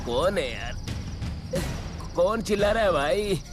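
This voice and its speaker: A jittery young villager who scares easily and likes his drink, his high voice swinging wildly up and down. He cries out and begs in a dubbed TV horror drama, with loud music behind him. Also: animated, takes it slowly. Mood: terrified. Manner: panicky, shouting and pleading. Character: terrified young village man, boozy and easily spooked. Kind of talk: dubbed TV horror serial acting.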